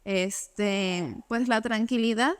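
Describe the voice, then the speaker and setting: Speaking slowly in a mid-range voice, a young woman from Cuba gives a relaxed, conversational interview, sprinkling in plenty of fillers such as "pues" and "o sea."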